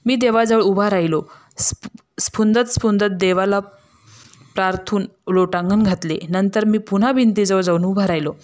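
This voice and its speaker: Woman storyteller, mid-height voice, steady measured read-aloud delivery, close mic. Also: medium pitch. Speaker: storyteller reading a classic novel aloud. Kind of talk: narration of a story.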